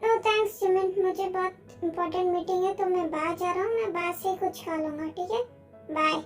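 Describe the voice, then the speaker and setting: A woman doing a grumpy young boyfriend, high-voiced. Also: steady tone, moderate pace, soft background music. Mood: annoyed. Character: young man, grumpy then tender boyfriend. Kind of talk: Hindi fan-dub story voicing.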